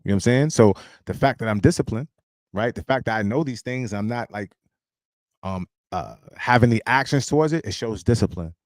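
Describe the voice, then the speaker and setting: A man's voice: medium pitch, animated, a little fast, no room sound. A man in his late thirties hosting a live stream, giving casual life advice in a blunt, emphatic, preachy way and swearing freely. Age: 30s.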